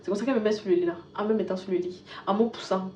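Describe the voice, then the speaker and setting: Woman telling a lively story in an echoey room. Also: medium pitch, very fast. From Cameroon. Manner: animated retelling, with bursts of loudness and soft asides. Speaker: vlogger. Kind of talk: casual storytelling vlog. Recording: echoey room, dull lo-fi sound with faint hiss.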